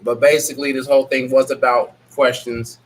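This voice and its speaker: Stuffed up and scratchy-throated, this livestream host sounds nasal as he runs a casual live Q&A. His medium-pitched voice is flat and a little fast, and he wanders between topics, speaks frankly, and calls out names from the chat.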